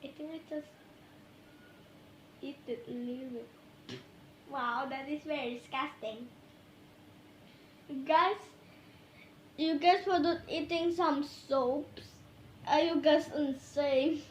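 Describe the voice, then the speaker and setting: Woman vlogger, high, unhurried, giggly and silly; echoey room, faint hum behind. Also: fairly even intonation. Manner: giggly, silly, talks to her viewers. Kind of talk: playful vlog chatter.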